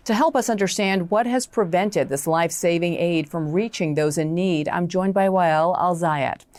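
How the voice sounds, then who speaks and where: Female news anchor, lowish voice, measured interview delivery, dry booth. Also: darkish tone, dry recording. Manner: measured, formal questioning.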